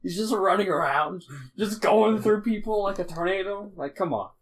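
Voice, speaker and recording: A man's voice: high-pitched, normal speed, rough recording. Rambling, profane young man recapping a game. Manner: rambling, profane, restarts often; acts out characters' lines in snippets. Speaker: podcast host recapping a tabletop game. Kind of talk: casual storytelling recap.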